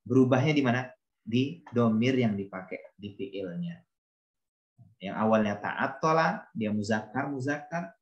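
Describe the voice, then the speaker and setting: A man's voice: mid-range voice, lively intonation, measured pace, roomy sound, highs cut off. A male teacher giving a grammar lesson, explaining patiently, repeating examples and calling on students by name. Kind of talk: classroom lesson.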